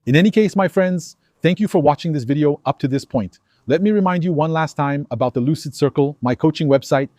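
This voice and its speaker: Studio-quality audio with no room sound captures a mid-range male voice: an Algerian commentator giving an emphatic opinion monologue to viewers. He's animated throughout and acts out dialogues.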